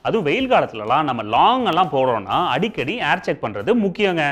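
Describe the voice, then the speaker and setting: A man with a Tamil Nadu accent hosts an informational TV show, explaining things conversationally in colloquial Tamil, tossing in comic asides and addressing viewers directly. His voice is a little high, bright, and husky, with a sing-song lilt and a fairly quick pace.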